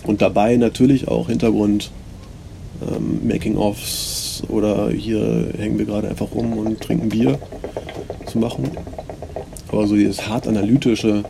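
Man on a low-quality recording, gravelly. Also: flat delivery, measured pace, noisy background. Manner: rambling, hesitant, many fillers. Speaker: podcast host. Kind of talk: casual reflective monologue.

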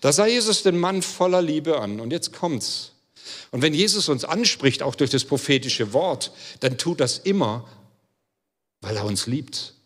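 A man's voice: fairly high pitch, animated, measured pace, a bit bright. A man preaching a sermon as pastor, speaking earnestly and emphatically straight to his listeners. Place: church hall. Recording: long church-hall reverb.

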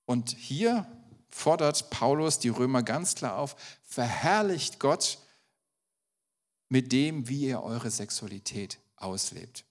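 A male pastor delivers a sermon, regularly turning to the congregation with questions. His mid-pitched voice rings out in a church hall with a long, lingering reverb. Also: expressive, measured pace. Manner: asks the congregation direct questions.

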